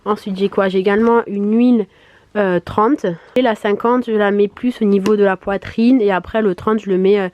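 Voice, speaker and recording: A woman chatting casually in a vlog, her voice hoarse, congested and duck-like from swollen tonsils, speaking in a chatty, hesitant way. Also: medium pitch, fairly even intonation, moderate pace, a little mellow. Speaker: vlogger. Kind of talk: casual vlog chat to camera.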